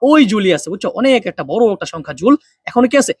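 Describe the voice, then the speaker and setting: Fast-talking young male physics tutor. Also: high voice, big pitch swings, husky, no echo. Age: young adult. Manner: quick, drills students with repeated questions and answers. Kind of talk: online physics lesson.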